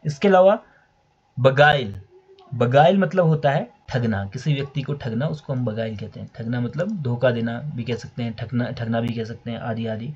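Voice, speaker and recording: A man's voice: medium pitch, normal speed, a little mellow, breathy edge. A man teaching English vocabulary, explaining meanings and spelling words out letter by letter. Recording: dull lo-fi recording.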